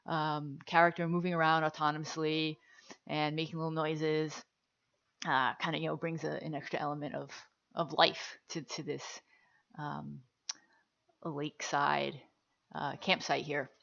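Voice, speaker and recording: A woman narrating her own virtual reality gameplay in a relaxed, chatty way, with plenty of fillers. Her voice sits low, with a gravelly edge. The recording sounds dull and lo-fi. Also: unhurried. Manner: chatty, upbeat, with frequent fillers. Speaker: gameplay video host. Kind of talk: casual gameplay commentary.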